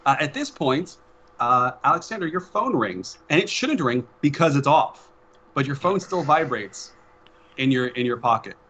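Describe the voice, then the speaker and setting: A man's voice: mid-range voice, animated, moderate pace, bright, forceful tone, a little hiss or hum, poor audio. A man narrating as game master in a loose, rambling, profane way over a voice call. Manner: loose, rambling, swears, laughs often.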